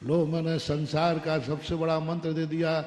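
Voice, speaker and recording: A man's voice: fairly high pitch, completely flat delivery, normal speed, darkish tone. A man giving a sermon as a monk, telling stories animatedly and acting out the dialogue. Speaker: Jain monk preacher. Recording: echoey hall reverb.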